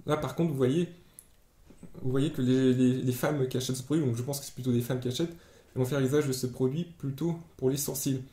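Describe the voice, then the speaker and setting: A man giving a screen-share tutorial as an online sales trainer, explaining step by step and pausing often on fillers. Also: medium pitch, steady tone, warm tone. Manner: explanatory, hesitant with many fillers. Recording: roomy echo.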